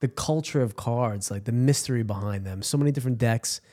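A man's voice: mid-range voice, fairly quick, dark tone. A man co-hosting a podcast, speaking in a laid-back, dreamy way. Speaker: podcast co-host. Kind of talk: casual chat.

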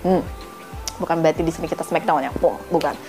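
A woman hosts a casual podcast, handing out friendly advice in a playful, expressive way. She mixes English phrases into her talk. Music plays clearly in the background. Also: low voice, quick pace. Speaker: podcast host.

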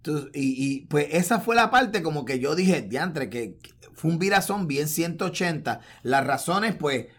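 A man, co-hosting a casual film review podcast, animated and slipping English words into his talk. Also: on the high side, measured pace. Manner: animated, mixes English into Spanish, many restarts. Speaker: podcast co-host.

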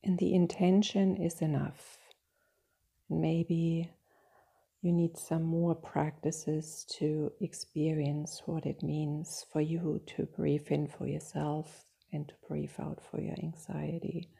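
A woman guiding a meditation in a slow, soft and soothing manner, with long pauses. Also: deep voice, little pitch movement, vocal fry, slightly rough. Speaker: meditation guide. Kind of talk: guided meditation.

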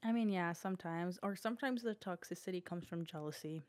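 Lower-voiced young woman, chatty. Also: fairly quick, no echo. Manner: chatty, fillers like "like", laughs often. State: coughing, breathing hard. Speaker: podcast co-host. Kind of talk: casual chat. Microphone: podcast mic.

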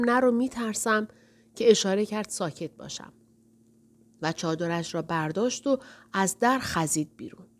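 Woman narrator for a first-person audiobook, quiet and reflective, mid-pitched.

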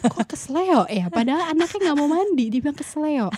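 A woman co-hosting a casual podcast chat, lively and animated, acting out voices as she tells stories. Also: sits high, fast, heavy background noise. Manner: lively, acts out her child's and neighbors' voices. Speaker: podcast co-host.

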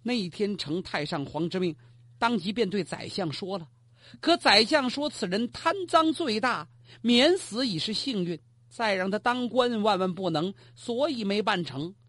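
A man's voice: high-pitched, animated, unhurried, a bit bright, no room sound, studio quality, exaggerated voice. A man voicing a nervous, apologetic emperor who is a dutiful son, in a storytelling performance. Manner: flustered, apologetic. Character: anxious young male emperor, dutiful son.

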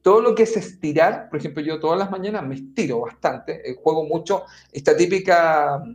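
On a podcast, a man with a voice on the high side, talking a little fast, gives advice in a conversational way. He speaks straight to the listener, often saying "mira" and "amigo," in a roomy, echoing recording with faint music.

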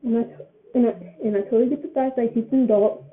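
A woman's voice: a little high, steady tone, fast. An eighteen-year-old woman giving her opinion in a casual vlog, rambling and often repeating her phrases. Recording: tinny phone-like sound.

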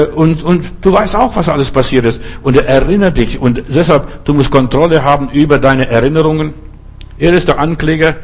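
A male preacher giving a sermon, emphatic and repetitive, speaking straight to the listener and often restarting words. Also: fairly high pitch.

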